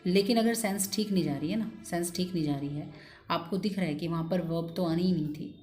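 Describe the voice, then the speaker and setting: A woman's voice: fairly low pitch, brisk, a little mellow, soft background music. Patient woman teaching grammar, darker tone. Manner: patient, coaxing, asks "ठीक है?" after each point; repeats key points, calls students "बेटा". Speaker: English teacher. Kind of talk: online grammar lesson.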